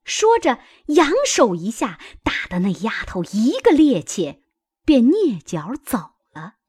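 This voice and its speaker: A woman's voice: a little high, sing-song, slow pace, darkish tone, slightly rough. A woman reading a classic novel aloud as dramatic storytelling. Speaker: audiobook reader.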